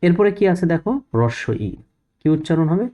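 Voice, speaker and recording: A man's voice: high voice, expressive, brisk, dark tone. A man teaching a first-grade reading lesson, patiently asking questions and answering them himself.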